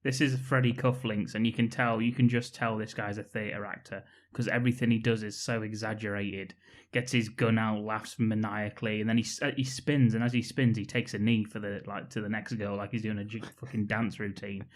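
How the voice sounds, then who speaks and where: A man's voice: on the low side, level tone, brisk. A young man co-hosting a podcast, chatting in a loose, jokey and crude way. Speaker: podcast co-host. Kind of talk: casual chat.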